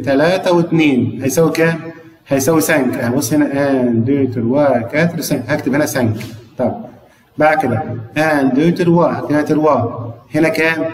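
A man's voice: fairly high pitch, roomy sound, long reverb tail, recorded from a distance, poor audio. A man with an Egyptian Arabic accent teaches an online French lesson, counting aloud and explaining each exercise step by step.

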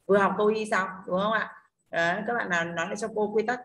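A woman's voice: medium pitch, steady tone, fast, a bit bright. A woman English teacher with a Northern Vietnamese accent leading an online class, explaining pronunciation rules step by step and checking in often with her students. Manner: explains step by step, keeps checking with "đúng không?".

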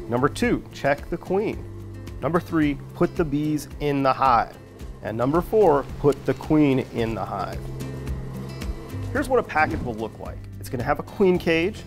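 A middle-aged man with a Midwestern American accent giving clear, practical step-by-step beekeeping instructions as a scripted narration. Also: mid-range voice. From United States.

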